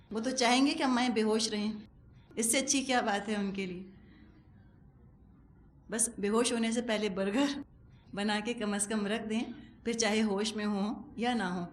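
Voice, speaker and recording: A middle-aged woman giving a religious lecture as a Quran teacher, conversational and animated, with wry humor and acted-out asides. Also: fairly high pitch, slight background noise. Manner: animated, acts out quoted speech.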